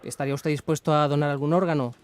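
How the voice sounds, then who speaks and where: Here a radio prank caller improvises a formal phone call as a courteous, apologetic traffic official, hesitant and official-sounding, with an accent from Spain. He talks rapid-fire in a fairly high, level, natural voice.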